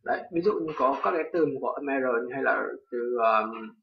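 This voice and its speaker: A young man from Vietnam with a Vietnamese accent, casually teaching English pronunciation, hesitant with many fillers and loudly repeating example words. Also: mid-range voice, moderate pace, creaky. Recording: distant lo-fi home recording.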